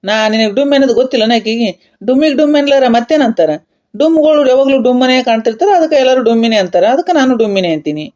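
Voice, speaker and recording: A woman's voice: sits high, lively intonation, very fast, a little mellow, highs cut off. A woman voicing a teasing older uncle in a cartoon, speaking in a drawling manner. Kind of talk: cartoon dialogue acting.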